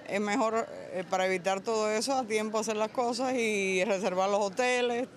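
High-voiced man, halting traveler interview. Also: steady tone. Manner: hesitant, halting. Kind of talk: street interview.

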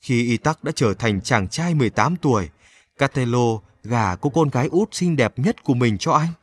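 A man narrating a children's fairy tale with expressive, animated storytelling into a close mic. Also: mid-range voice, normal speed.

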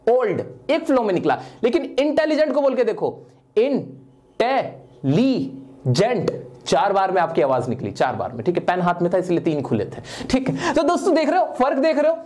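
A man's voice: high voice, wildly swooping pitch, fast, hardly any pauses, darkish tone. A male grammar teacher who writes on a board as he explains. He keeps asking questions and answering them himself, and he sometimes speaks the part of an imagined student asking him something. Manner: asks his own questions and answers them. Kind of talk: classroom grammar lesson. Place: at a whiteboard, writing while teaching.

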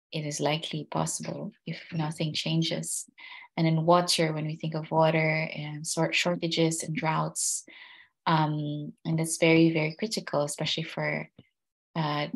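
A woman's voice: low voice, gravelly, breathy edge, low-quality recording. A woman presenting slides over a video call from a small room, talking with many fillers and restarts. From Philippines. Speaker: guest speaker. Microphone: laptop mic on video call.

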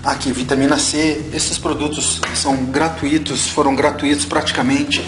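A man's voice: a little high, little pitch movement, normal speed. A man in his forties vlogging about health products in an emphatic, preachy way, repeating his points, with faint music behind. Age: 40s. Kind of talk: casual vlog, unboxing and health advice.

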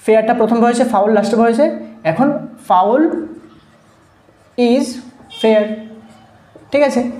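A woman teacher with a Bengali accent explaining terms slowly, repeating and spelling words and checking that her listeners follow. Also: medium pitch, mellow, echoey room. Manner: slow and repetitive, spells out words and checks understanding. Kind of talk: lecture explaining rhetoric terms.

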